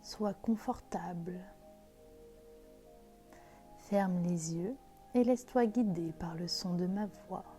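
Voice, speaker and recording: A woman guiding a relaxation meditation in a soft, hushed, intimate voice, as if speaking right in your ear. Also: lowish voice, slow pace, pauses often. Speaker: sophrology guide. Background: music.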